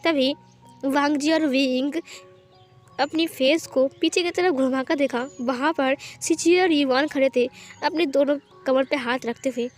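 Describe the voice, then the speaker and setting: A woman with a high voice narrates a romance story over faint music. She reads every character's lines herself and leans into the emotion, with stammers and pleading. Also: a little slow. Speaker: fanfiction narrator.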